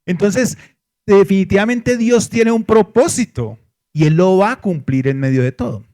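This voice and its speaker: A man's voice: high voice, expressive, moderate pace, dark tone. A pastor preaching a sermon to his congregation, asking them questions and answering them himself.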